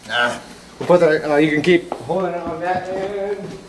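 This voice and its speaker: A man hosting a ghost-hunting video inside an empty school, rambling casually and talking to unseen spirits, his voice echoing heavily off the bare walls. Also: high voice. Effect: heavy echo bouncing around an empty building. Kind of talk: casual paranormal investigation vlog. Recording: echoey empty school hall with faint hiss.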